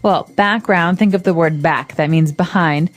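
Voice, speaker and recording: Lower-pitched woman explaining vocabulary. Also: normal speed, soft background music. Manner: clear explaining with many examples. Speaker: co-host. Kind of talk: English lesson podcast.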